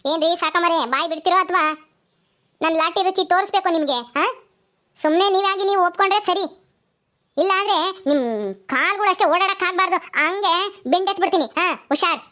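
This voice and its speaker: A woman's voice: extremely high pitch, a little fast, bright, forceful tone. A woman voicing a tough, bossy policewoman who threatens a suspect in a cartoon comedy. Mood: threatening.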